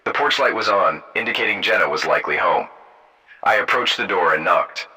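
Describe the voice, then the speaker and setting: Male story narrator, low voice, lively and steady delivery. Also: brisk, poor audio. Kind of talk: first-person story narration.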